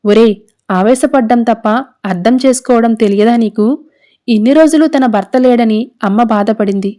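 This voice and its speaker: A woman reading the part of a determined young woman who speaks firmly and reproachfully to her family. The voice is fairly high, with a soft, dark tone. It is read as serial recap narration. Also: normal speed, lightly acted. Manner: firm, reproachful.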